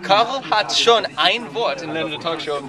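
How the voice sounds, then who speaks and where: A young man from Chicago with an American accent, a native English speaker hosting a casual chat on a rooftop, talking in halting learner German and pausing to search for words. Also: sits high, lively intonation. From Chicago, USA. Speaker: host. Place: outdoor city rooftop terrace.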